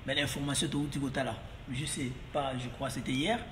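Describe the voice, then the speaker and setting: A man's voice: mid-range voice, fairly even intonation, a little fast, a bit bright, a little hiss or hum. Rambling Congolese man in an echoey room. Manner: rambling, mixing French and Lingala, many fillers and repeats. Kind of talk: casual monologue to camera. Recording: roomy echo, long reverb, faint ambience.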